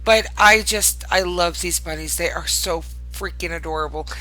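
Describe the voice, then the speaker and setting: A woman's voice: lowish voice, normal speed, pushed and bright, faint music behind, poor audio. A tired woman hosting a casual showcase of items in a game world, talking in a fond, gushing manner. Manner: gushing, fond of cute things. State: tired late at night. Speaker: host presenting new items in a virtual game world.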